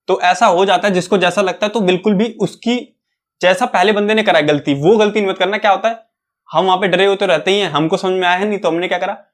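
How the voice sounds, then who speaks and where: Young male guide, fairly high voice, relaxed conversational coaching tone. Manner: conversational, often checks in with "okay". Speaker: exam preparation guide. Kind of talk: casual advice talk.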